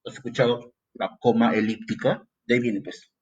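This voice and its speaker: At normal speed and medium pitch, a man with a Peruvian accent works through a grammar lesson for entrance exams, recorded with lo-fi sound. His manner is lively and direct, and he sometimes acts out the student's side of the conversation with questions.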